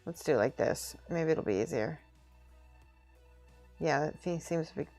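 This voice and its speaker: A woman's voice: sits low, expressive, moderate pace, vocal fry, a little mellow. A woman chatting casually on a live stream as she works on a craft, informally thinking aloud and muttering to herself. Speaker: streamer building and painting miniature models. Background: music.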